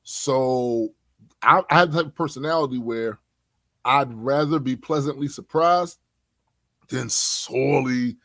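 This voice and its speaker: A man co-hosting a casual podcast, talking in an animated, slangy way and laughing often. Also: medium pitch, a little slow, no echo. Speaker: podcast co-host.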